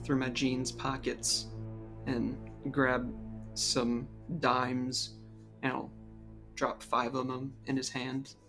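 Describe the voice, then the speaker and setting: A man's voice: medium pitch, completely flat delivery, takes it slowly, over music. A man playing a tabletop game, speaking hesitantly with many fillers. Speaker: player.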